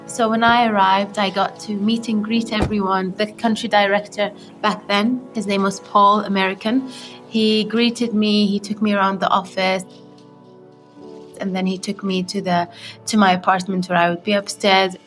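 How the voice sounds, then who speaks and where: A woman from Yemen speaks of her work abroad, pausing often and restarting her sentences. Her voice sits at a middle pitch. Soft music plays faintly under her words. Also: flat delivery. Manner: hesitant, with many fillers and restarts. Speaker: aid worker interviewee. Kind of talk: reflective recounting.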